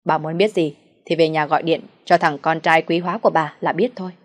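A woman reading the lines of an angry, quick-tempered elderly village man in an audio story. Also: low-pitched, fairly even intonation.

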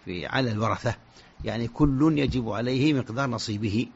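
Gravelly-voiced man answering religious questions. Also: medium pitch, muffled recording. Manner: halting, repeats words while searching for them. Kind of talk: radio fatwa answers.

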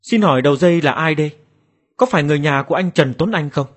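A man's voice: on the high side, quick pace, close to an everyday voice. A man voicing a formal police investigator calling a victim's family in a horror story. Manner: formal, official questioning.

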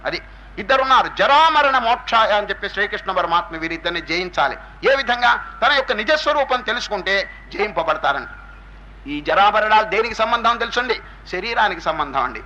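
A man giving a spiritual discourse as a swami, explaining through rhetorical questions and homely stories and slowly chanting scripture verses. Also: high voice, bright, forceful tone, dull audio, a little hiss or hum. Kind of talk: religious discourse.

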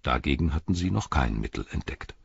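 Deep gravelly man reading a story. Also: animated, a little fast, no echo, lo-fi sound. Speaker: audiobook narrator. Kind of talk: scripted narration.

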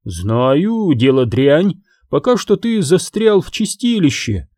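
Storybook figure: man playing a fretful, theatrical male medium, raised and animated. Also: a little high, slow, dry recording, studio quality, exaggerated voice. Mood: fussy. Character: fussy male ghost medium, chatty and fretful.

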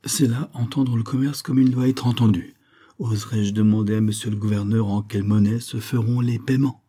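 A man's voice: on the low side, steady tone, a little fast, dark tone, breathy edge. Man voicing a fawning greedy merchant. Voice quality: trembling pleading voice. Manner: wheedling, lamenting, sugary. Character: greedy wheedling male merchant, whining, fawning. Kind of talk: audiobook character voice.

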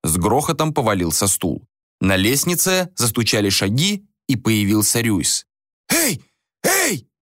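A man reading a story aloud in measured, scripted narration, his pitch rising and falling in a lively way. The recording is dry and close, with no room sound. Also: no room sound. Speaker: audiobook narrator.

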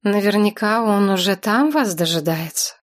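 A woman voicing a calm, polite middle-aged man who speaks in an unruffled, soothing way. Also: medium pitch, normal speed, natural voice. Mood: reassuring.

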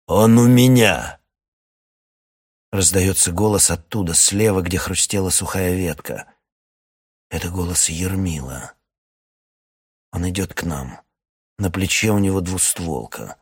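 A man reading a first-person audiobook in a calm, measured, steady way. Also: low-pitched, breathy edge, no echo, clean studio sound. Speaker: audiobook narrator.

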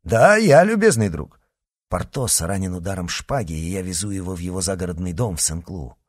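A daring young musketeer with a confident, brisk delivery, as a male narrator puts him on. His voice climbs and drops in lively swings. The sound is dry and close. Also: low voice, dry recording. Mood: bold. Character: bold, quick-witted young male musketeer.

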